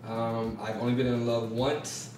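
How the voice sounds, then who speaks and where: A man's voice: mid-range voice, little pitch movement, a little slow, a little mellow, heavy reverb, distant mic, a little hiss or hum, poor audio. A man from Atlanta, a brief, matter-of-fact guest on a casual panel.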